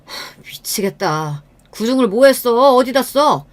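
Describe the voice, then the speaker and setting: A woman's voice: medium pitch, very animated, moderate pace, warm tone. A woman voicing a contemptuous middle-aged husband who snaps and belittles in a raised voice while reading a story aloud. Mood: scornful. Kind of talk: storytelling narration.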